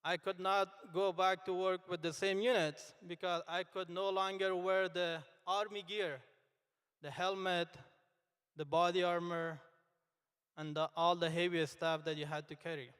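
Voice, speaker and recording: This commencement address comes from a young Afghan man, a native speaker of Dari, whose high, smooth, clear voice is a bit bright but flat in delivery. Earnest and halting, he speaks to the graduates slowly as a long reverb fills the large hall.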